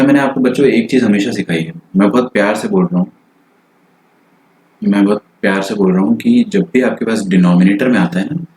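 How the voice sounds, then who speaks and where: A maths teacher with an Indian accent and a somewhat low voice works through a problem out loud during a live online lecture. He mixes English phrases into his explanations and keeps checking in with his students through short tag questions, close to his mic. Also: poor audio. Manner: thinks aloud while solving, mixes in English phrases.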